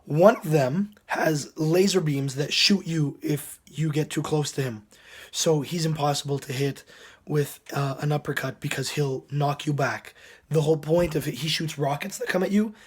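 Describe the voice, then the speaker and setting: Hoarse, slightly high-voiced man, sick. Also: normal speed. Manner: frequent throat clearing. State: hoarse, sick, losing his voice. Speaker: video game reviewer. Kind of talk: casual commentary to viewers.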